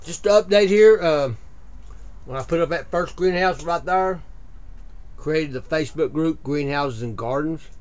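A man giving a casual walkthrough of his small greenhouse, plain-spoken and listing things with frequent "uh" pauses, recorded on a head-mounted camera. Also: fairly high pitch, darkish tone. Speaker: video creator giving a greenhouse tour. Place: small greenhouse at night, indoors. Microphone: head-mounted action camera.

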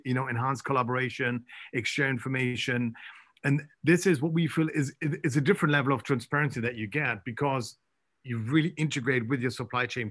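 Rambling man on a business panel. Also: mid-range voice. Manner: rambling, with frequent "you know". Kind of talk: panel discussion. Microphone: video call.

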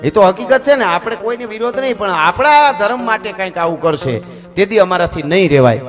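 A man's voice: high-pitched, lively intonation, fairly quick, faint music behind. A man giving a live stage talk to an audience, emphatic and preachy, with chuckling asides. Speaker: folk stage performer.

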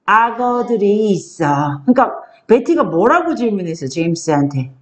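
A woman tutoring a child one-on-one, coaxing the child along and reading sentences out slowly before explaining them. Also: medium pitch, sing-song.

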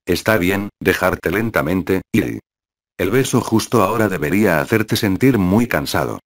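A man reading the lines of a smug, shameless young man in an even, low voice. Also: moderate pace, no room sound, studio quality.

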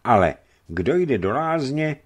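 A man's voice: mid-range voice, very animated, breathy edge, voice pushed up. A man voicing a bold, jovial young companion who speaks boisterously. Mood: resolute. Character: hearty, bold young man, laughing and brave.

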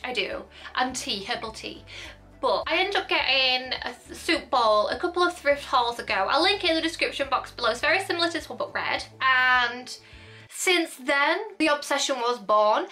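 A young woman chatting excitedly to camera in a thrift haul vlog, gushing and rambling, with faint music behind her. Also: sits high, normal speed. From United Kingdom.

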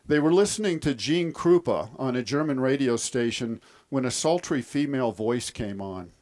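A man who is an author and speaker, giving a scripted historical presentation in a measured storytelling delivery. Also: mid-range voice, lively intonation, a little mellow.

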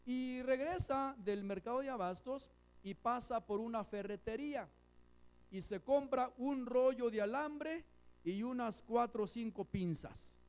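A pastor from Mexico preaching a sermon, telling a story with emphatic swings between loud and soft. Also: male voice, very high voice, unhurried, clean tone. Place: church hall.

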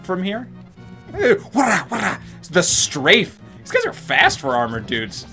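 A man's voice: high-pitched, wildly swooping pitch, a little slow, gravelly, sharp tone, soft background music. A man joking and swearing through casual banter while playing a video game with a friend. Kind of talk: casual gaming chat.

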